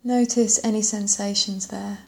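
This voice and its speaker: A woman leading a guided body scan meditation in a gentle, unhurried way, leaving long pauses and letting phrase ends trail off softly. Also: mid-range voice, little pitch movement, gravelly.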